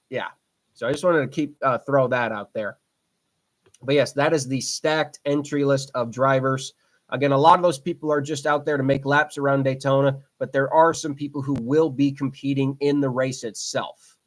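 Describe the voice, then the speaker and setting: In his twenties, a man hosts a racing podcast by himself, speaking in a mid-range voice. He talks casually and rambles, repeating himself and using plenty of fillers.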